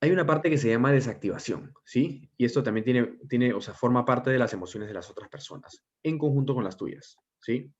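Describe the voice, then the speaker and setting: A man teacher giving an online class lecture, explaining step by step and often checking in with a quick question. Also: medium pitch, animated. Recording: dull lo-fi audio.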